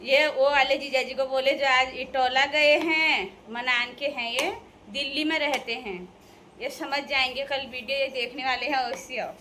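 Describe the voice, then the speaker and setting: A young woman with a high, bright voice, chatting to her viewers in a casual vlog. Her manner is playful and teasing, and she laughs often. Faint noise sits behind her. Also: fairly even intonation, a little slow. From Uttarakhand hills. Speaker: vlogger addressing viewers.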